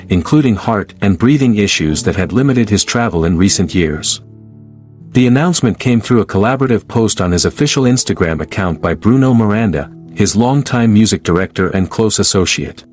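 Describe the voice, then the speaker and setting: Man, lowish voice, scripted tribute narration, solemn and measured, faint background music. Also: darkish tone.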